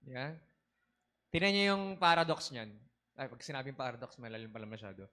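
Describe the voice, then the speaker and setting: A man preaching a sermon as a bishop, lively and quick to ask the congregation questions, slipping English phrases into his talk. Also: medium pitch.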